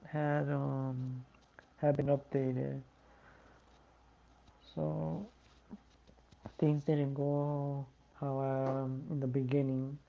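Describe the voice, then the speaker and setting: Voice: flat delivery, gravelly, lo-fi sound. Sleepy fan calling a live match. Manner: tired, yawning, slow and low-key. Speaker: fan commentator. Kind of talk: live watch-along commentary.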